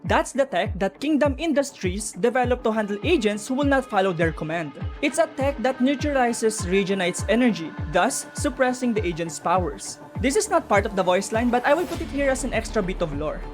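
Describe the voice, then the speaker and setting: Background music accompanies a woman narrating game lore, chatty and speculative, directly to viewers. Her fairly high voice is expressive and brisk, with hardly any pauses.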